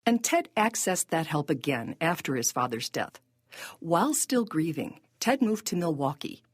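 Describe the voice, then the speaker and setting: A woman reading scripted documentary narration in a measured, plain way. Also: low voice, sing-song, breathy edge, dry recording, studio quality.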